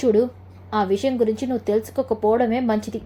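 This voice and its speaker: A woman's voice: fairly high pitch, fairly even intonation, a little fast, dark tone, lightly acted. A woman voicing a worried mother who keeps a secret from her son, in a retold family serial.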